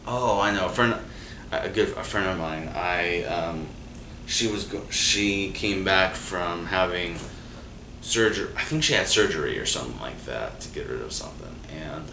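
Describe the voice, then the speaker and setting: In this casual storytelling monologue, a male host with a low, slightly slow voice rambles through his own stories, full of fillers and restarts, livening up whenever he quotes people. The sound is echoey and distant, with faint noise.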